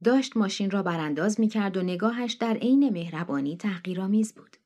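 Brief: female audiobook narrator, even, measured storytelling delivery. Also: mid-range voice. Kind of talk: audiobook reading of a short story.

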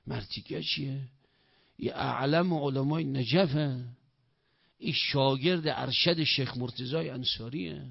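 A man's voice: fairly high pitch, creaky, dry recording. A man voicing an insistent elderly male cleric who talks emphatically, on a dull, dry recording. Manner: emphatic, exclaiming.

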